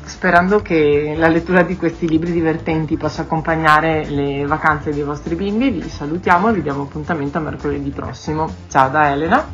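Low-voiced woman presenting children's books. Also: a little fast, hardly any pauses, soft background music. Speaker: radio host reading children's books. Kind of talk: scripted radio book presentation. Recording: dull lo-fi radio sound.

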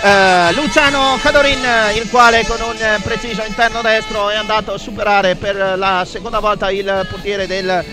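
An Italian male football commentator with a high voice gives excited goal commentary over clearly audible music. He swings between bursts of excitement and halting, filler-filled description as he hunts for the right words.

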